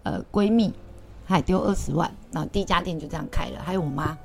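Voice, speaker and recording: A woman's voice: on the low side, quick pace, vocal fry, music in the background. A woman in her thirties with a Taiwanese Mandarin accent, a guest chatting casually, talking freely and laughing easily. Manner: chatty, laughs often, acts out quoted people. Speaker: guest, bar owner. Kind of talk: casual storytelling chat.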